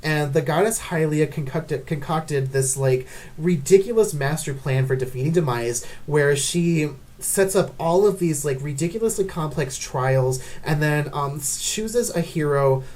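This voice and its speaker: A woman's voice: deep voice, measured pace, darkish tone. A woman giving unscripted, ranting commentary as she ranks game characters, exasperated and full of "like" fillers. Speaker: video creator ranking game characters.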